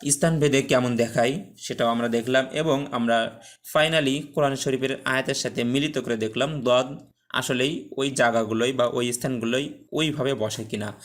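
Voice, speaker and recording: A young man gives an online Quran recitation lesson. He explains each letter form patiently and step by step, often pausing with filler sounds. He checks in with his students as he goes. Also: medium pitch, fairly even intonation. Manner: chants Arabic words slowly and drawn out.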